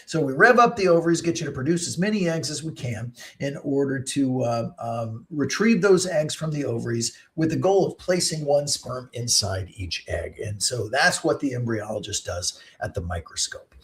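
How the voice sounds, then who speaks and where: A man's voice: medium pitch, expressive, normal speed, hardly any pauses. A middle-aged man, a fertility doctor hosting a live question-and-answer stream, explaining things in a chatty way with many ums and uhs.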